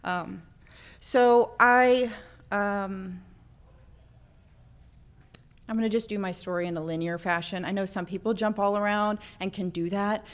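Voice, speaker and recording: Sharing her personal addiction recovery story with a group, this woman, born in Norway and living in central Florida, is candid, self-deprecating, and animated when reenacting scenes. She speaks at medium pitch, a little slowly and smoothly, with long pauses.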